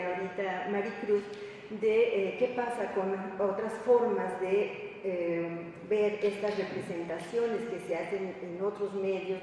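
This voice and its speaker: A woman with a Mexican Spanish accent gives a semi-improvised academic panel talk, halting and reflective, pausing to search for words. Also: mid-range voice, a little mellow. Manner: halting and reflective, with searching pauses and tag questions. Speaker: academic researcher presenting at a panel. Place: indoor conference room or hall. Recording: echoey hall, distant mic, faint noise.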